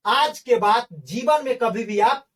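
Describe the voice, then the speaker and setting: A woman's voice: a little high, expressive, a little slow, fairly bright tone, recorded from a distance. A woman teacher giving an online math lesson, who drills her students with call-and-response questions and calls them her friends. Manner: addresses viewers as friends.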